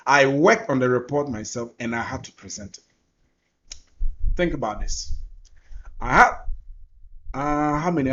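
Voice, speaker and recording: A man's voice: mid-range voice, muffled recording, slight background noise. A man from Ghana with a Ghanaian accent, teaching through personal stories and repeating phrases for emphasis. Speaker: course presenter. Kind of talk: personal storytelling in a lesson.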